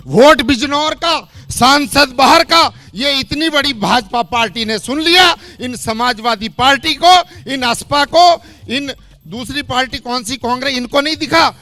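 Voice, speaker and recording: Sharp man chanting slogan-like points. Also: very high voice, normal speed. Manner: rhythmic, slogan-like emphasis. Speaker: party supporter in the crowd.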